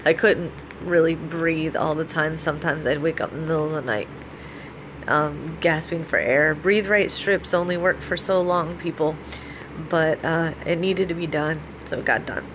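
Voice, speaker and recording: An American woman vlogger talking casually and giving practical advice, explaining things in an informal, halting way. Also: low voice. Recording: clearly audible steady background noise.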